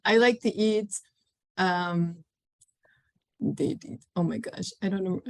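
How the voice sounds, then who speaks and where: Slow-talking, flustered woman on a call. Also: medium pitch. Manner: flustered, searching for words. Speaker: workshop participant. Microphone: video call.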